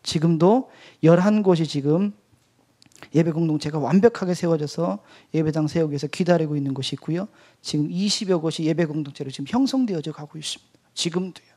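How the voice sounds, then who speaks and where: A male pastor and missionary giving a testimony at an evening church service, swinging between loud outbursts and hushed whispers. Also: a little high, brisk. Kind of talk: sermon testimony.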